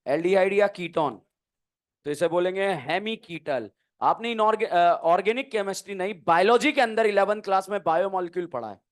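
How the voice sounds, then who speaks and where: A high-pitched man teaches chemistry in a classroom lecture. He keeps quizzing the class and answering his own questions, with a playful, teasing manner. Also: a little fast.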